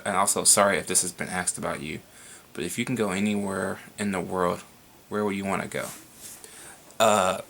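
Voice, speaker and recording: A young man rambles through viewer questions in a casual home vlog. His voice sits low with a gravelly edge but a bright, forward tone, and he swears freely. A faint hiss hangs behind the camera mic. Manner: rambling, frequent swearing, laughs. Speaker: vlogger answering viewer questions.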